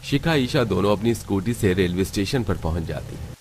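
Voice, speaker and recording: Very deep-voiced male cartoon narrator. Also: animated, a little fast, a little mellow, slight background noise. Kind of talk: scripted narration.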